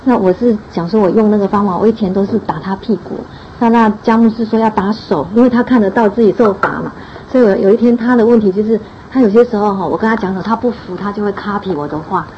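A woman, a mother of a young son, telling a family story in an animated way and laughing as she goes. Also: mid-range voice, fast talker, a little hiss or hum. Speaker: mother sharing experience. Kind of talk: group sharing, anecdote. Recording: dull lo-fi recording, faint ambience.

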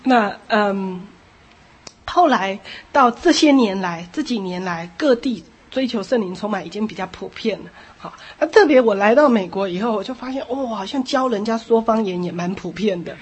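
A woman preaching a sermon, repeating phrases for emphasis and adding lively asides. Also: medium pitch, moderate pace, husky.

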